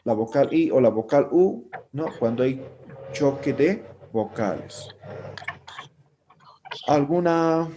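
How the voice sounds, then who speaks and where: A male language teacher runs a live class, explaining step by step and constantly checking in with his students. His voice sits at an ordinary middle pitch. The recording carries a clear layer of background hiss. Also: animated, takes it slowly, long pauses. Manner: patient, checks understanding with constant tag questions.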